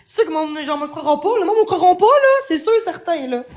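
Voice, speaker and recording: A woman's voice: very high voice, very animated, fairly quick, a little mellow. A young woman with a Quebec French accent, ranting defensively on a livestream and stumbling over repeated words. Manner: agitated, defensive, stammering repeats. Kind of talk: upset livestream rant.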